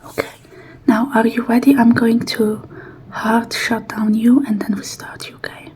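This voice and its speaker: In an ASMR roleplay, a woman plays a technician, whispering softly and breathily in a gentle, reassuring, unhurried way. Her voice sits on the high side with little pitch movement, and the rough recording has slight hiss or hum.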